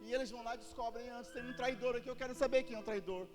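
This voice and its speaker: A man's voice: extremely high pitch, steady tone, racing. A Brazilian man preaching, voicing a suspicious, commanding enemy king who demands the traitor and the prophet. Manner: demanding, accusing. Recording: reverberant church hall with music.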